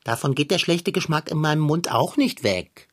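A woman voicing a greedy, grumpy male tomcat who complains theatrically and has a husky voice in a children's radio play. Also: low-pitched, animated, normal speed. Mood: sulky.

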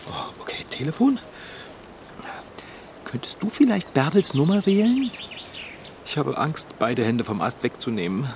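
A man's voice: medium pitch, expressive, a little slow, long pauses, a little hiss or hum. A man playing a nervous, easily flustered bike tinkerer in a children's radio play. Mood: fretful.

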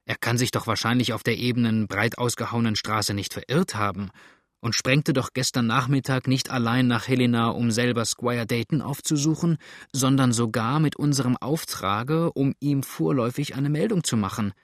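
A man's voice: mid-range voice, moderate pace, no echo, clean studio sound, lightly acted. A male audiobook reader voicing an earnest, urgent young farmer.

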